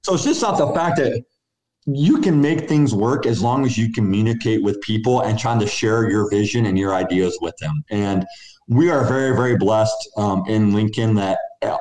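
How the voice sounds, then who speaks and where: A basketball coach and club program director answers interview questions over a video call, upbeat and rambling, often restarting his sentences. His voice is fairly low and a little mellow at a moderate pace, and the call audio sounds roomy.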